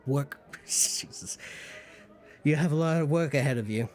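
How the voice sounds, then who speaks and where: A man's voice: fairly high pitch, measured pace, darkish tone, faint music behind, pitched above the performer's own voice, close to an everyday voice. A man voicing a fussy dwarf woman who runs a guild desk, sighing over paperwork. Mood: fussed.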